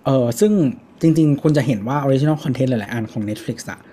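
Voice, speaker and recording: A man chatting casually as a podcast co-host, relaxed and laid-back. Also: mid-range voice, normal speed. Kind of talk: casual chat.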